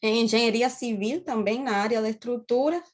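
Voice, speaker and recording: A woman's voice: fairly high pitch, fairly quick. A woman in her thirties from Cuba with a Cuban accent, giving a university lecture on a video call and explaining steadily, often checking in with her students. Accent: Cuban Spanish. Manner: explanatory, often tags phrases with "né?". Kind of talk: online class lecture.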